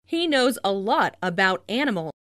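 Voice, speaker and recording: A woman reading simple English phrases slowly and carefully for learners, saying each one twice. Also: medium pitch, sing-song, a bit bright, dry recording, clean studio sound. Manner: careful, clearly enunciated, each sentence said twice.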